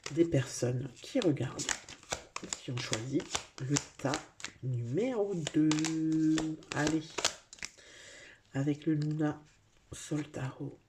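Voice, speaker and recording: A woman's voice: low voice, noisy background. A woman giving a casual tarot reading, speaking straight to the viewer in a chatty way with many fillers. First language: French. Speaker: tarot card reader.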